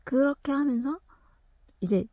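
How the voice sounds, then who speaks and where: A young woman tells a story from her own life in a casual, chatty way, laughing often and slipping into quiet whispered asides. Her voice is husky and mellow. She is recorded close up in a dry room. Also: high-pitched, a little slow, dry recording.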